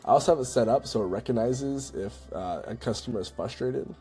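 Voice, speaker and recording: In a laid-back software walkthrough recorded on screen, a male presenter speaks informally, checking in with phrases like "right?" and "you know." His voice sits mid-range with a dark tone, and he moves fairly quickly. Faint music can be heard behind him.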